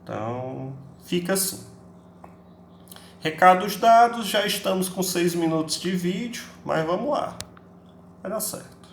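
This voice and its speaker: Animated man teaching in an echoey room. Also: high-pitched, a little slow, pauses often, a little hiss or hum. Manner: chatty, peppers speech with tag questions, acts out students' questions. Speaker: English teacher. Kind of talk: recorded class lecture. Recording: echoey room, faint ambience.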